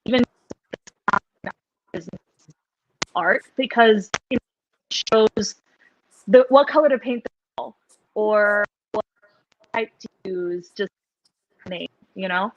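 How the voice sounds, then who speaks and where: A woman speaking slowly and hesitantly on a video call, her audio breaking up and cutting out. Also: medium pitch, no room sound, highs cut off. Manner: slow, hesitant, thoughtful, with soft laughs. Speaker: panel guest. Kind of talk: casual discussion on a video call. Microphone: headphone mic on a video call.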